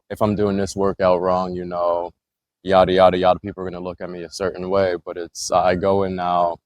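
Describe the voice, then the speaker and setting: Brief: low-voiced male guest, easygoing, filler-heavy delivery. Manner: relaxed, loose, lots of "like" and "you know". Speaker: podcast guest, military veteran. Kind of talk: casual conversation. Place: gym.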